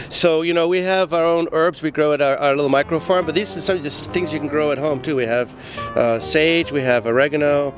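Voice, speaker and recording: A man from Zimbabwe, an executive chef, giving a chatty, stop-start cooking demo full of fillers on an outdoor patio for morning news. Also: a little high.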